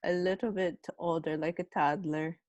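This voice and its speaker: A woman's voice: lowish voice, fairly even intonation, moderate pace, a little mellow, dull audio. A woman co-hosting a podcast, chatting casually and teasing the others with sarcastic jokes. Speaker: podcast co-host. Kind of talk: casual chat.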